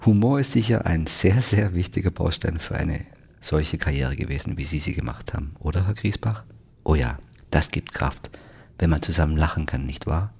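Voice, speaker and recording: A fawning, overly courteous traveler who smothers everyone in ornate praise, as a man reads him aloud. The voice sits low and husky, a little gravelly at the edges. Storybook reading, every sentence polished and ingratiating. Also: normal speed, exaggerated voice. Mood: flattering. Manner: flowery, flattering. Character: fawning, overly polite middle-aged male passenger.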